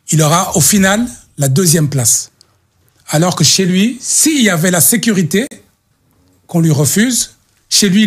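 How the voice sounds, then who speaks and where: A middle-aged man from Belgium, a guest speaking earnestly in an interview, halting and repeating words as he searches for them. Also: on the high side, breathy edge. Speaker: guest, association representative. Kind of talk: earnest testimony in a talk show interview.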